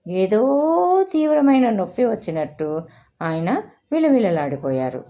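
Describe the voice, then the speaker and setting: A woman storyteller narrating a first-person drama. Her delivery is emotive, with lively swings in pitch. The recording sounds slightly dull and lo-fi. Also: unhurried.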